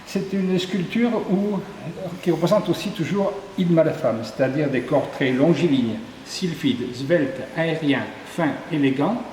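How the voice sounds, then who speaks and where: In an echoey tourist office exhibition hall with faint ambience, a male sculptor from southern Ardèche, France is interviewed about his artworks. His voice is on the high side and darkish, measured in pace, and he describes pieces by listing details with hesitations.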